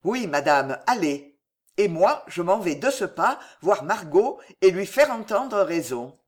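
An impulsive, fragile young king as a woman reader puts him on, speaking low with lively, swinging intonation. He bursts into eager exclamations like an excited boy. Read as an audiobook character. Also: measured pace. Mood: weary. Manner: exclaiming, boyish enthusiasm.

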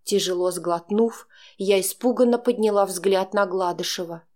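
A woman's voice: medium pitch, fairly even intonation, normal speed, darkish tone. Woman narrating a dramatic audiobook. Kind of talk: first-person audiobook narration.

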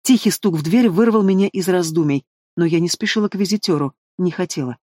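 A man narrates a first-person fantasy novel in an expressive, dramatic way. His voice sits high for a man, and the recording is close and dry with no room sound. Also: a little fast, no room sound. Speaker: audiobook narrator.

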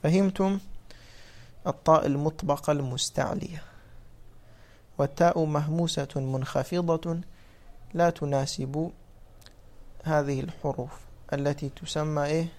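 A man's voice: a little high, steady tone, a little mellow. A man giving a classroom explanation, often asking students whether they follow and then answering his own questions. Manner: asks the class questions and answers them himself; repeats points slowly and emphatically. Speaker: teacher of Arabic morphology.

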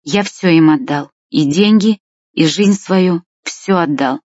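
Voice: mid-range voice, darkish tone, dry recording, lightly acted. A reader doing a grieving old village man. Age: 60s. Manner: slow, sighing, heavy with grief. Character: sad old village man, tearful, gentle. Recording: dull lo-fi dry recording.

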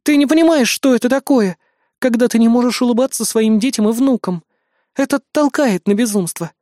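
A man voicing a haughty, sharp-tongued young queen in an audiobook, speaking coldly and curtly. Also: extremely high pitch, a little fast, no room sound, studio quality, pitched above the performer's own voice. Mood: agitated. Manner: cold, curt, mocking. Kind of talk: audiobook character voice.

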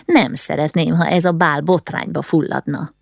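A woman's voice: low voice, fairly even intonation, gravelly, no echo, clean studio sound. A woman voicing a haughty, fussy aristocratic mother who is condescending and easily alarmed, in an audiobook reading.

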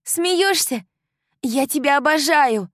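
A woman doing a gushing young girlfriend, loud and high. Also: animated, takes it slowly, dry recording, clean studio sound, exaggerated voice. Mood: excited. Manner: high, loud, breathless exclaiming. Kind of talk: audiobook character voice.

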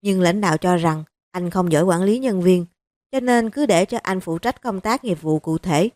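A woman narrating a crime novel in a steady, even storytelling manner. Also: fairly low pitch, normal speed, dry recording. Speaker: audiobook narrator.

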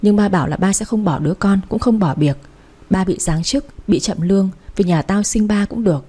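A woman's voice: mid-range voice, fairly quick, warm tone, husky, lightly acted. A woman reading the part of a blunt, loyal young woman who talks to her friend frankly and teasingly. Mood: sorrowful. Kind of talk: audiobook character reading.

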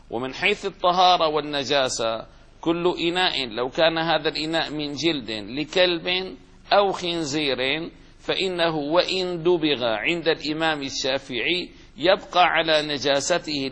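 Higher-voiced man teaching a religious text. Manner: reads quoted text louder, then explains with fillers and restarts. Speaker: sheikh teaching a hadith commentary. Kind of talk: classical religious lesson, reading then explaining.

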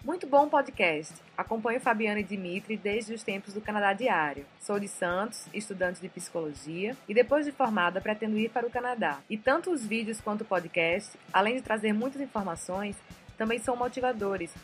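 A woman co-hosting a podcast who reads news items and listener comments in a steady, informative way. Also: medium pitch, brisk, soft background music. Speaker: podcast co-host. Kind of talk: podcast news reading and chat.

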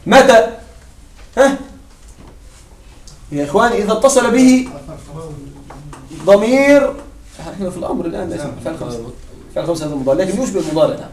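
Male grammar teacher with a very high voice, quizzing the class and repeating key points, recorded from a distance in a roomy space. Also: animated, quick pace, pauses often. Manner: asks the class questions and answers them himself. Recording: echoey room, mic at a distance.

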